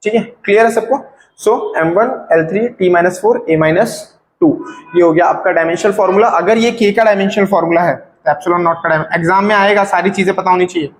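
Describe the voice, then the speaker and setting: A man with a high voice teaches a physics class and works through each step aloud, often asking his students whether it is clear. The room has a noticeable echo and a faint background hiss. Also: fast. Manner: explains step by step, checks in with students. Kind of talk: classroom lecture.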